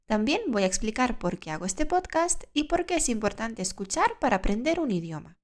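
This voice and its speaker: A woman presents a podcast lesson for learners of Spanish. Her voice sits a little high, and she explains things in a clear, measured way, often turning to the listener with a question. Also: very animated. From Spain. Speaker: Spanish teacher and podcast host.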